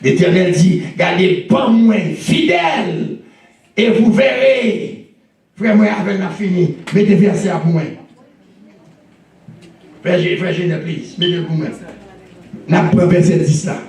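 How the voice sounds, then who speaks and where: Haitian preacher man, high voice, shouting out to the church, big echo from far off. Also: measured pace, long pauses, a little hiss or hum. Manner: preaching with call-and-response and frequent shouts. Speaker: pastor. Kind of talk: sermon. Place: church sanctuary. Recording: echoey church recorded from a distance.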